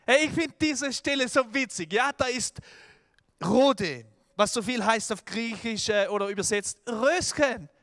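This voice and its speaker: In a very high voice and without hurrying, a pastor preaches to his church. He narrates stories with animation, performing the quotes and stumbling into restarts and filler sounds.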